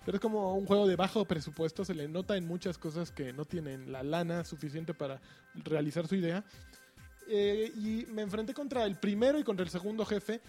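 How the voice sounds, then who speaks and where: A man's voice: high-pitched, a little fast, mellow, soft background music. A Mexican man talking casually and colloquially as co-host of a gaming podcast. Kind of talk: casual video game chat.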